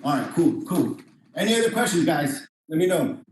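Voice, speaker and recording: A man with a slightly high, darkish voice and wide pitch swings speaks at a moderate pace while teaching a jiu-jitsu class, casually walking through each move as he demonstrates it. He's in an indoor training room, picked up by a distant camera mic in a very echoey space with faint background noise.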